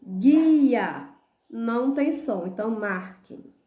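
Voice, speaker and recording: A woman with a Brazilian accent teaching young children. She corrects homework slowly and patiently, spelling out syllables letter by letter and often checking in with "tá bom?". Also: fairly high pitch, expressive, reverberant, highs cut off. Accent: Brazilian Portuguese. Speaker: primary school teacher. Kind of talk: recorded lesson, correcting homework.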